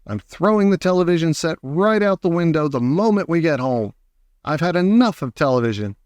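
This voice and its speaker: A man acts out an exasperated storybook father, sharp and blunt. His voice is on the high side, with a dry, close sound. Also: animated, brisk, no room sound, natural voice. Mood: fed up. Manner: sharp, shouting. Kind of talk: children's storybook character voice.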